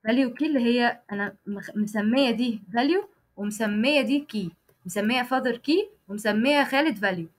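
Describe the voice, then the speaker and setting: A woman's voice: fairly high pitch, a bit bright, slight background noise. A young woman with an Egyptian Arabic accent teaching a live online programming class. She explains each step, often stops to check that students follow, and corrects herself mid-sentence as she types. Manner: frequent restarts and self-corrections while typing code. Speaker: programming instructor. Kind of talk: live online coding lesson.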